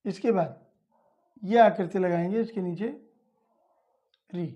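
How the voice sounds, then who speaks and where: Speaking slowly in a lowish voice, a woman teaches young children, with the recording's highs cut off. Her lesson goes step by step, each one explained patiently and repeated in plain terms.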